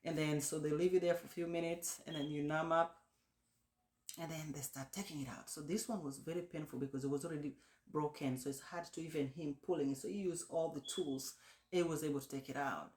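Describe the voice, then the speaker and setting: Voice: mid-range voice, fairly even intonation, brisk, darkish tone. A person speaking casually in a first-person vlog, explaining practical tips to the viewer in a repetitive way. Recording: roomy, echoey sound.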